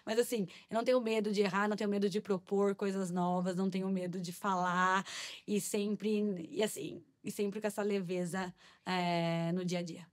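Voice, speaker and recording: A woman's voice: mid-range voice, little pitch movement, moderate pace. A woman marketing manager, a guest on a podcast interview, speaking in an upbeat, earnest way. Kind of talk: casual interview chat.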